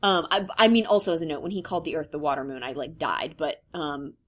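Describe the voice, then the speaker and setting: This thirties-aged woman co-hosts a podcast and talks fast in casual chat, her lower-pitched, slightly bright voice dipping into vocal fry. She's thoughtful but hesitant, with lots of ums.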